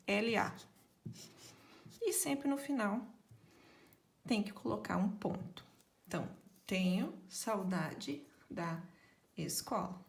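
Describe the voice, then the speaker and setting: A woman's voice: mid-range voice, creaky. A woman teacher patiently sounding out letters and syllables in a literacy lesson for children.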